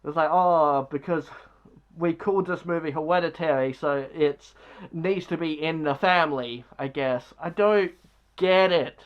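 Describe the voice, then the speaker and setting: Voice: mid-range voice, measured pace, lo-fi sound. Rambling, blunt casual movie reviewer. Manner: rambling, heavy on filler words; blunt and dismissive.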